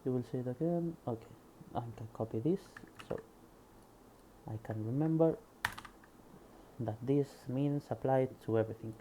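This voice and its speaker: A Spanish man reads a programming book aloud at normal speed, leaving long pauses and quietly talking to himself as he tries things. His medium-pitched, Spanish-accented voice sits on poor audio with a little hiss or hum in this casual screen recording.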